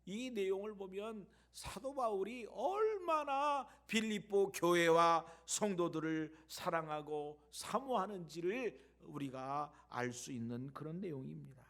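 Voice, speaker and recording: A man preaching a sermon as a pastor in a church, telling stories that swing between loud emphasis and hushed near-whispers. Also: high voice, expressive, a little slow, gravelly, few pauses.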